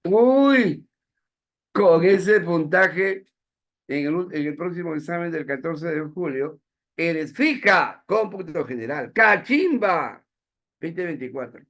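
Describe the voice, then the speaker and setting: A man's voice: fairly high pitch, expressive, slow pace, fairly bright tone, pitched above the performer's own voice. A man putting on a mocking young woman. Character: teasing young female student friend, mockingly ironic.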